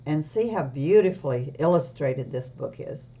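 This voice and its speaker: A woman reading a picture-book trickster tale aloud for children in a measured storytelling manner, pausing to show pictures and ask questions. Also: low voice, expressive, dark tone, slightly rough, highs cut off.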